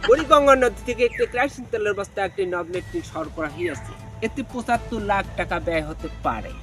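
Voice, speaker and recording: A man's voice: sits high, expressive, fast, over music. A man with a Bangladeshi accent playing a parody news anchor, reading absurd headlines in a mock-solemn, formal, declaiming delivery.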